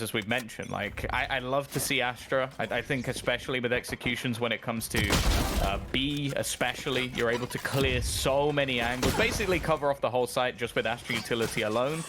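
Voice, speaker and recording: A man's voice: mid-range voice, slight background noise. A man casting an esports match, breaking down team picks and calling plays, voice rising during big moments. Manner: analytical, rises sharply in excitement during plays. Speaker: esports caster. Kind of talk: esports commentary.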